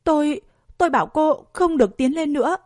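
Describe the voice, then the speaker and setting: A woman's voice: a little high, animated, normal speed, darkish tone, dry recording, clean studio sound. A woman voicing a panicked male kidnapper who threatens in a trembling voice.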